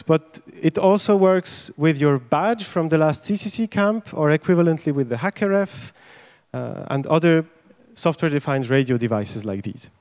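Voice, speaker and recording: A man in his thirties presents technical material informally into a handheld microphone. His voice is fairly high for a man, and he explains things with some hesitation. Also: a little mellow. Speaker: conference speaker. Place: stage in a large event tent.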